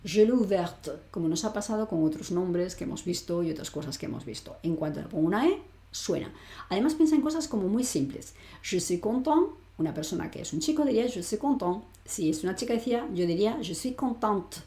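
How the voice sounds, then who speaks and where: A woman's voice: lowish voice, expressive, quick pace, dark tone. A woman teaching French grammar online, explaining step by step and asking rhetorical questions she answers herself. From Spain. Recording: echoey room.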